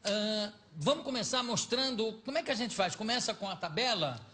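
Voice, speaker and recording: A man's voice: high-pitched, a little fast, pushed and bright. A man hosting a talk show, interviewing a guest with playful, teasing questions.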